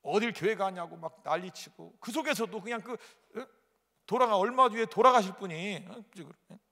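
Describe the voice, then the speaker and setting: A male pastor preaching a sermon, telling a personal story dramatically with sudden loud outbursts and repetition. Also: high-pitched, lively intonation, normal speed. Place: large church sanctuary. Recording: echoey church hall.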